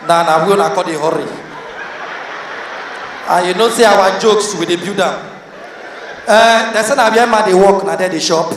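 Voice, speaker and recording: A man with a Nigerian Pidgin accent doing live stand-up comedy, loud and excitable, shouting punchlines at the crowd. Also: high-pitched, normal speed, pauses often, reverberant, long reverb tail, recorded from a distance, background noise. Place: large event hall with live audience.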